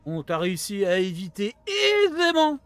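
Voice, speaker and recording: Guy running a tabletop rpg, kinda high voice, explains stuff haltingly, no room echo. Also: huge pitch swings, smooth. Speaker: game master. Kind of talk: improvised tabletop game narration.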